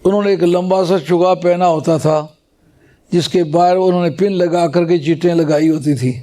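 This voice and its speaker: A man giving a scholarly religious talk to a gathering, explaining points patiently and reciting Arabic phrases slowly. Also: sits high, fairly even intonation, dark tone.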